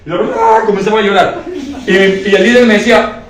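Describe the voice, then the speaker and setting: High-voiced preacher in an echoey hall. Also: male voice, a little fast, crowd noise. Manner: animated storytelling with many repeated words. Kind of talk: sermon. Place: church hall. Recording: very echoey hall, voice far from mic.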